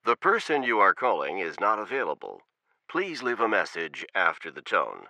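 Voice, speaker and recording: A deep, gravelly male voice delivers a recorded answering-machine greeting heard through a landline phone. His tone is bright and cutting, and his pitch swings widely in a measured, impersonal delivery. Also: huge pitch swings, dry recording. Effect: recorded answering-machine greeting over a landline phone. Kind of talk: formal recorded announcement.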